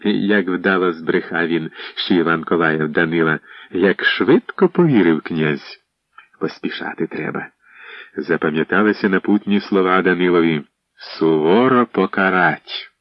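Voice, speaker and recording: A man narrating a historical novel as an audiobook in a measured, expressive reading. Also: deep voice, no room sound. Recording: dull lo-fi audiobook recording.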